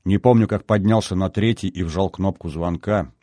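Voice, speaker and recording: Low-voiced male audiobook narrator. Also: moderate pace, warm tone, dry recording, clean studio sound. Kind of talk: first-person novel narration.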